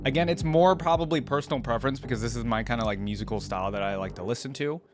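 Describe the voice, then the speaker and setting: A reaction video host gives casual, enthusiastic commentary in a racing, mid-range male voice. The song he is reacting to plays behind him.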